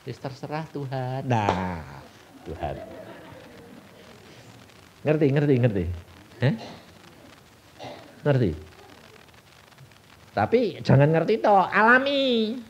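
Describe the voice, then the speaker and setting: A man's voice: fairly high pitch, sing-song, slow pace, long pauses, lo-fi sound, a little hiss or hum. A male evangelist with a Javanese Indonesian accent, preaching a folksy sermon and answering his own questions. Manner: folksy, asks the congregation questions and answers them himself.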